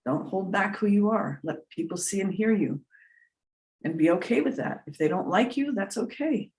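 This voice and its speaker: A woman's voice: medium pitch, animated, normal speed, darkish tone. A woman talking casually about spiritual matters as a teacher, earnest and rambling as she thinks aloud. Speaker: spiritual teacher and trance channeler, guest speaker. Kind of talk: casual spiritual talk with personal anecdotes.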